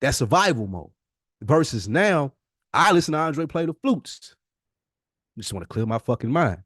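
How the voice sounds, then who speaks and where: An American man co-hosts a podcast, chatting casually with heavy slang, swearing, and emphatic phrasing. His mid-range voice swings widely in pitch at a normal speed, with a fairly bright tone. The recording is dry and has clean studio sound.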